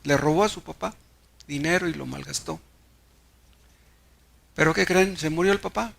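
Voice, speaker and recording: A man's voice: fairly high pitch, moderate pace, creaky, a bit bright. A Mexican pastor preaching a sermon, telling stories and asking the congregation rhetorical questions, often repeating words as he restarts.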